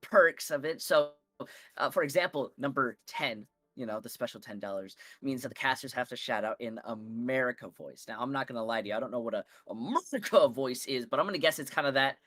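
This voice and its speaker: A man's voice: mid-range voice, lively intonation, brisk, a bit bright, dry recording. A man casting a live video game match, rambling and playful with lots of fillers. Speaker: esports caster. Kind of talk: casual live game commentary.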